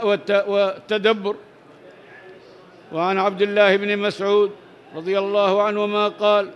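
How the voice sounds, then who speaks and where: A man with a high voice reads religious texts aloud in a level, even tone, keeping his pitch narrow. He works through each chain of narrators and then explains the text in plain words, adding short prayers as he goes. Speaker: Islamic teacher reading hadith.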